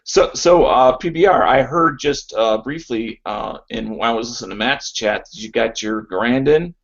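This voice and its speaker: A man's voice: mid-range voice, normal speed, a bit bright, dull audio. A man hosting a casual voice chat, opinionated and prone to stammers and restarts.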